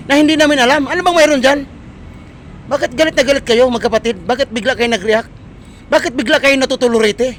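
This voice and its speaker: A Filipino man delivers a ranting political commentary in an unusually high voice. He hammers listeners with repeated, accusing rhetorical questions. Faint traffic noise sits behind him. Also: fairly bright tone.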